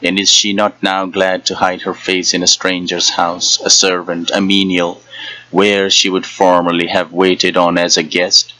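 A man's voice: low-pitched, monotone, measured pace, pushed and bright, no echo, pitched above the performer's own voice, low-quality recording. A man voicing an old woman fortune teller who taunts and jeers in a bitter, cackling way. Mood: accusing. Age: older.

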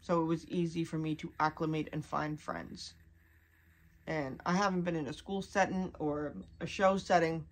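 A young woman talking candidly to her vlog audience, halting and restarting as she holds back tears. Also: sits low, fairly even intonation. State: on the verge of crying. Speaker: vlogger.

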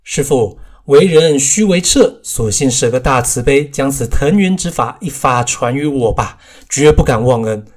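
A man's voice: medium pitch, expressive, normal speed, few pauses, natural voice. A man voicing a clever, eager male monkey disciple in an audiobook, pleading and boastful by turns.

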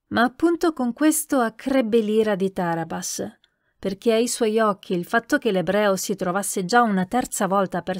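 A woman narrating a novel in a measured, expressive audiobook reading. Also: fairly high pitch, no room sound, clean studio sound. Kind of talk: scripted narration.

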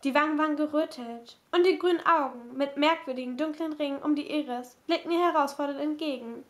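High-voiced woman reading a novel. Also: fairly quick. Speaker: audiobook reader.

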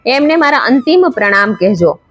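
Calm divine god, as a woman narrator reads him. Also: fairly high pitch, moderate pace, soft background music. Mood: serene. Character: calm divine male god consoling mortals.

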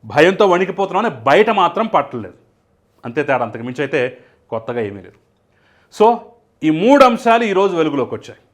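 A man's voice: a little high, big pitch swings, brisk, pauses often. A man delivering solo political commentary, emphatic and full of rhetorical questions.

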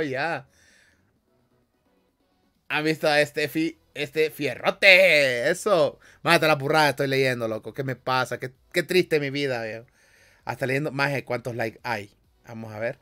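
A young Honduran streamer chats casually from his small bedroom on a livestream, reading comments with jokes, slang and frequent laughter. He uses a headset and a desk mic, and his voice is on the high side and fairly bright.

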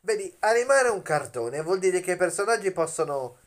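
Very animated and high-voiced, the young man lies on his bed in a small bedroom and performs a playful, dramatic explainer for his video channel as though talking to kids. Words get stretched, questions get asked, and the phone sits at arm's length.

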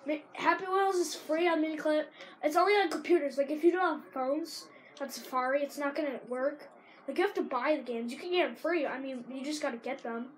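This teenage girl sounds like she has a sore throat as she casually narrates a video game, breaking out in excited yells at the plays. Her high voice moves briskly, and there's a slight hiss or hum on the track.

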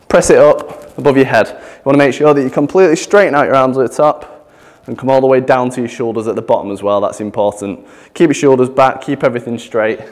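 A man's voice: mid-range voice, a little mellow. A man, out of breath, demonstrating gym exercises as a chatty fitness coach who laughs at himself. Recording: echoey gym with long reverb.

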